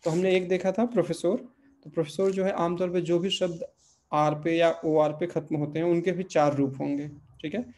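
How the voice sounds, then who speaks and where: A man's voice: on the high side, little pitch movement, moderate pace, darkish tone. A man teaching a Portuguese lesson, patiently repeating word forms and checking in with his students. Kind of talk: online language lesson.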